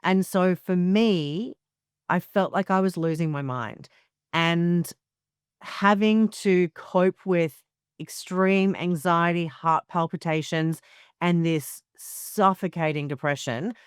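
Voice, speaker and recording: A woman in her forties tells candid stories as a podcast guest, frank and animated. Her voice is smooth and clear. It is close and dry, with no room sound. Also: on the low side, takes it slowly, no room sound. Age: 40s. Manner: animated storyteller, frank and swearing. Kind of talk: candid casual interview.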